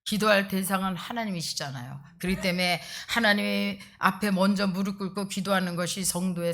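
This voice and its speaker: A middle-aged woman pastor delivering a sermon with a somewhat low voice. She preaches emphatically and conversationally. She keeps drawing the congregation in with quick rhetorical asides. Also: fairly bright tone.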